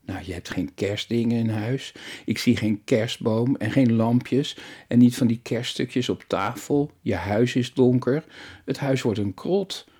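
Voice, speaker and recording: A man voicing an eager, impulsive boy of about eleven who talks fast and blurts things out, in an audiobook story. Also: mid-range voice, dark tone, husky. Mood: blunt.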